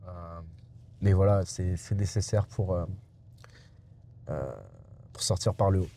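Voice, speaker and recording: Very dark-voiced man rambling in a car. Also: low-pitched, slow, a little hiss or hum. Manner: digressive, many hesitations and restarts. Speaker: vlogger. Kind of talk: rambling casual monologue. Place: inside a car on the road.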